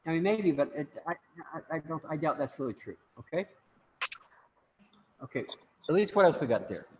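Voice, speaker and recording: A man's voice: fairly high pitch, very animated, moderate pace, a little mellow. Guy teaching a class on a video call, rambly and jokey, lots of repeated words, long reverby room, bit of hiss. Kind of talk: casual lecture to an online class.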